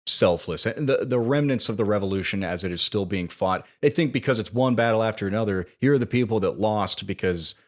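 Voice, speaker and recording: A man's voice: on the low side, brisk, hardly any pauses. A man co-hosting a podcast, casually retelling film scenes in detail. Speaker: podcast co-host.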